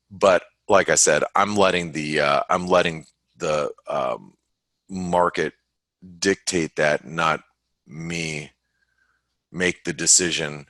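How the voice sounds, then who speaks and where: Deep-voiced man in halting market talk. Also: sharp tone, dry recording. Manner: halting, many restarts and fillers, thinks aloud. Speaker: forex market analyst. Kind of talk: casual webinar market commentary.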